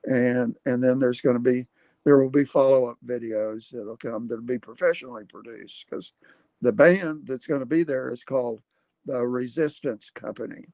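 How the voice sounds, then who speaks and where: A man in his seventies hosting a casual livestream from his computer at home, rambling and halting with many fillers. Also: mid-range voice, steady tone, dark tone, no room sound, dull audio. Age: 70s. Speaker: livestream host. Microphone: computer webcam mic.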